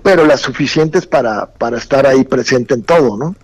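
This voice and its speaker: A man's voice: medium pitch, normal speed, no echo. A man, an actor guest, chatting in an affectionate, joking way. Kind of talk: casual chat.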